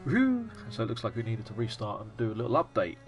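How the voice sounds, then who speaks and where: A man's voice: fairly low pitch, flat delivery, racing, vocal fry, faint music behind. A man commenting live on his gameplay, joking with family and muttering through menus. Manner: chatty and joking, muttering to himself over menus. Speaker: gaming streamer and father.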